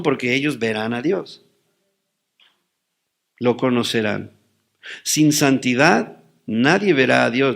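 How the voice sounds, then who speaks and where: A man's voice: a little high, gravelly, a bit bright. A man preaching a sermon as pastor, asking rhetorical questions and answering them with rising emphasis.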